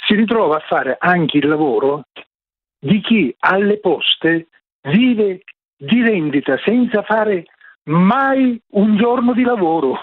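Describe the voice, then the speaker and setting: A man's voice: high-pitched, lively intonation, takes it slowly, no echo. A man in his sixties calling in over the phone, a retired worker making his point bluntly and insistently. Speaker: caller, retired postal worker. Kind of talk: call-in to a radio talk show. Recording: tinny phone line.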